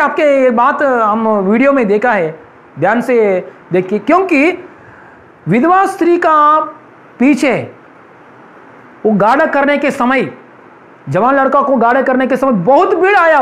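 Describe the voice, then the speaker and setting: A male pastor preaching with insistent, repeated hallelujahs. His voice sits unusually high for a man. It is a church sermon, earnest and emphatic throughout. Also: big pitch swings, unhurried, long pauses, fairly bright tone.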